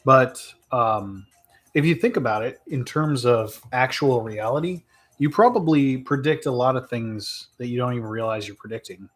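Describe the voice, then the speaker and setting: A man chatting casually on a live stream, answering questions as they come in. He talks in a loose, reflective ramble, circling back on his thoughts and laughing lightly. His voice sits at a typical middle pitch for a man. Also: moderate pace, husky, soft background music.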